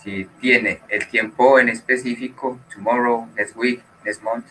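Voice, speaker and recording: A man's voice: mid-range voice, fairly even intonation, measured pace, fairly bright tone, a little hiss or hum, low-quality recording. A man teaching an English class who explains patiently and switches between Spanish and English.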